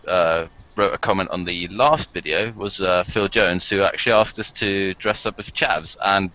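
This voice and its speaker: A man's voice: sits low, fairly even intonation, moderate pace, pushed and bright. A man with an English accent hosting a casual group video call, rambling with many fillers and frequent laughs. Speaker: channel host. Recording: dull lo-fi call audio.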